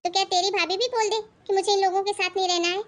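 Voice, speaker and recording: A woman voicing a stern but caring middle-aged mother in an animated family story, who lectures and scolds. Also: very high-pitched, quick pace. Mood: scolding. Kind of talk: animated cartoon voice acting.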